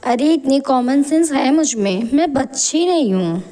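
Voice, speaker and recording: A woman voicing an arrogant young bride in an animated story, who speaks with contempt and insults. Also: high-pitched, a little slow. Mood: contemptuous. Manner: snooty, contemptuous.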